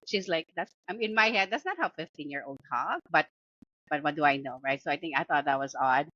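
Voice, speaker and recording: Chatting casually, frequently laughing, and leaning on fillers and restarts, a woman with a Filipino accent co-hosts a book review show. Her voice is lowish and fairly bright. The recording sounds dry, dull, and lo-fi.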